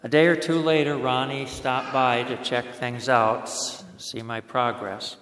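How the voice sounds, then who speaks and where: A man preaching a sermon, telling a story in a plain-spoken way and slowing down to stress words. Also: mid-range voice, flat delivery, fairly bright tone. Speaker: pastor. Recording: echoey hall.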